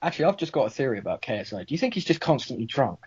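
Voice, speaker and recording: Brief: young Irish man, podcast co-host, lively up-and-down delivery, slightly husky, dull lo-fi recording. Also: medium pitch, very fast, no echo. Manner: animated, swearing banter. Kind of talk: casual chat. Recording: dull lo-fi dry sound.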